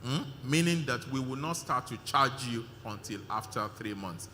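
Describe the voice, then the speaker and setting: A man addresses a large conference hall, his voice bright and forceful as it carries into a long reverb. He speaks in emphatic bursts, repeating his thanks and filling pauses with "uh". Faint room ambience sits underneath. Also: medium pitch, expressive, slight background noise. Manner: emphatic, repetitive thanks with many fillers. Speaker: conference organizer giving vote of thanks. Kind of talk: live conference speech.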